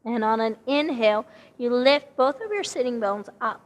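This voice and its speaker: A fairly high-voiced woman, hoarse from losing her voice, steadily talks a Pilates class through each breath and stretch. Her voice rings out with a long reverb in the studio room. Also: normal speed. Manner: calm, steady cueing of breath and movement. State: hoarse, partly lost voice. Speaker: Pilates instructor. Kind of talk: guided exercise instruction. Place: exercise studio.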